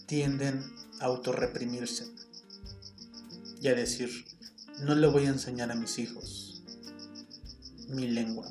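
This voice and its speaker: A medium-pitched man with a Mexican Spanish accent hosts a reflective solo podcast, speaking earnestly and with opinions while thinking aloud and restarting a little. The audio sounds roomy, with faint guitar music behind him.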